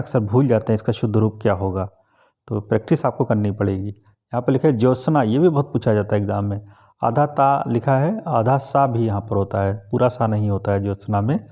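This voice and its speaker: A man teaching an exam class on spelling correction, calmly going through each word and repeating its correct form. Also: mid-range voice. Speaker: Hindi exam tutor.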